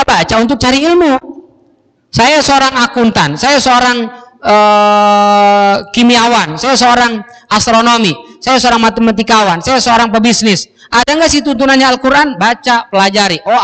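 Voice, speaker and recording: High-voiced preacher in an echoey mosque. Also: male voice, fairly bright tone. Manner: acts out congregants in quick voices, drawn-out Quran recitation. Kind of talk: Ramadan sermon with comic role-play.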